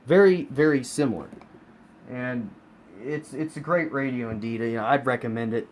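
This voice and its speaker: At a moderate pace and medium pitch, an American man casually presents his radio collection without a script, often repeating for emphasis. He records from behind a handheld camera in a room at home, where background room noise is clearly heard.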